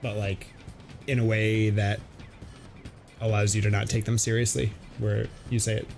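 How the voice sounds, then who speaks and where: A man casually chatting through a gameplay session. He rambles, restarts his thoughts and sprinkles "like" everywhere. Game music plays clearly behind him. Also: on the low side, level tone, moderate pace, darkish tone. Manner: rambling, heavy use of "like" fillers. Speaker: let's play host.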